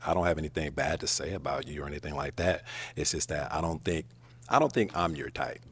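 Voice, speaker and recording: A man's voice: extremely low pitch, fast talker, husky. A man on a dating show talking frankly to a woman, hesitant with many fillers. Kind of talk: casual conversation.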